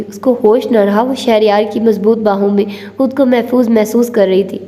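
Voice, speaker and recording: Female narrator for a romantic audiobook, mellow voice in a reverberant room. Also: medium pitch. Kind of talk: reading a romantic novel aloud.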